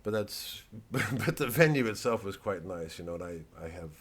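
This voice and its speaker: Chatting casually with his online audience, a male comedian with a low-pitched voice rambles and digresses, often halting to find his thread. His manner is self-deprecating, his intonation lively, and his tone fairly bright.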